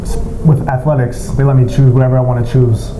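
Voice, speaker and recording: A young man with an American accent talks through interview answers in an easygoing, soft-spoken way. His voice sits at an ordinary middle pitch. It was recorded in a reverberant space with steady background noise. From United States. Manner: laid-back, soft-spoken, unhurried. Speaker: basketball player, interviewee.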